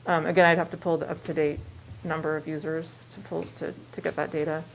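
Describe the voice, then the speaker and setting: A woman's voice: low voice, level tone, brisk. An American woman speaking through a face mask, slightly muffled, answering questions as a staff member at a public meeting. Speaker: library staff presenting a budget. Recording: muffled by mask, faint room noise.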